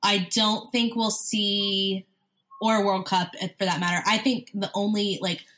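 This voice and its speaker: A woman chatting casually and analytically about sports as a host, with a smoker's cough and frequent throat clearing. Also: mid-range voice, level tone, a little slow, a bit bright. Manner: analytical, recites player statistics. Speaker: sports talk show host.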